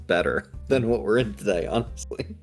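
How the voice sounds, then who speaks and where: A man with a fairly low voice co-hosting a podcast, dry and wry, with a dark sense of humor. He laughs easily at the banter. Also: expressive, normal speed, soft background music. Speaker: podcast co-host. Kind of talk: casual chat.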